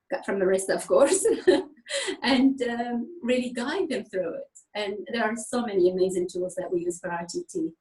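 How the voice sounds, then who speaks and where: A woman from Tunisia, raised speaking French and Arabic, talks about her therapy practice in a loose, conversational way. Her pitch sits in an ordinary middle range, and she laughs often and leans on fillers. The room around her is echoey. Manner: animated, laughs often, many fillers like "kind of like". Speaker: therapist guest. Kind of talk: conversational explanation.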